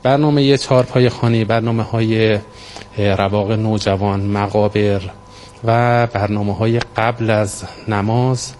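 A man's voice: fairly low pitch, level tone, darkish tone. A man with an Iranian accent gives an unscripted official statement to a reporter. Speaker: shrine deputy official. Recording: faint background noise.

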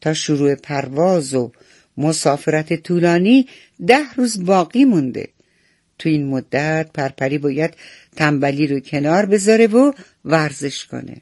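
A man voicing the commanding ruler of a flock of birds in a children's story, calling out orders loudly. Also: a little high, expressive, no room sound, clean studio sound. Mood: stern. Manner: loud, commanding announcements.

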